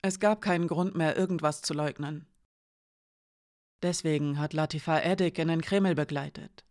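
A woman narrating a novel in a calm, measured reading voice. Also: sits low, no echo, studio quality. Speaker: audiobook narrator. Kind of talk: scripted narration.

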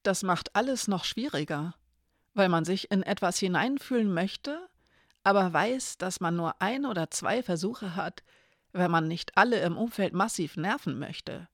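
A narrator voicing Elena, a young woman who speaks quietly and matter-of-factly, often half muttering. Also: medium pitch, animated, unhurried, dry recording, studio quality. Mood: subdued.

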